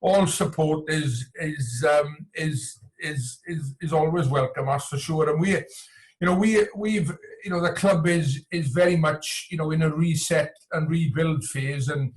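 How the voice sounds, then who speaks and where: In a low-quality recording, a man from Wales speaks with a fairly high voice at a measured pace as a coach and entrepreneur on a podcast. Hesitant in the interview, he keeps repeating himself and leaning on "you know."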